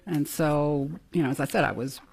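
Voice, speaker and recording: A middle-aged Venezuelan woman running as a political candidate appears as an interview guest, telling stories about her life with fluent, self-deprecating jokes. Her voice is low, creaky, husky and a little mellow, and she speaks at a moderate pace.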